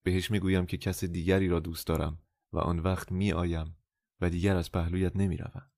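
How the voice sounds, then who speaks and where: A man reading the part of a resolute, tender young woman in love, in his own low voice, for an audiobook. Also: level tone, creaky, a little mellow, no echo, clean studio sound.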